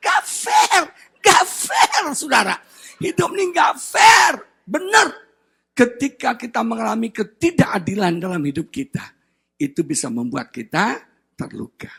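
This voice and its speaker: A man preaching a sermon as pastor, dramatic, swinging from loud shouts to hushed low tones and acting out children's whining voices. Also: very animated, normal speed, creaky, husky. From Indonesia. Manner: acts out children's crying voices in a high whine.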